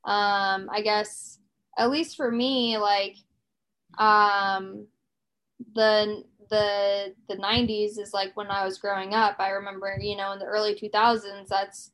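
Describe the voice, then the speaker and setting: A woman's voice: medium pitch, flat delivery, a little slow, fairly bright tone, rough recording. A woman in her thirties co-hosting a podcast, chatting casually and rambling with plenty of fillers and restarts. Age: 30s. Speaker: podcast co-host. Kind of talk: casual chat.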